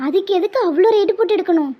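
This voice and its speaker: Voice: very high-pitched, rapid-fire. A woman voicing a practical, thrifty young bride in a Tamil cartoon. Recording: muffled lo-fi audio.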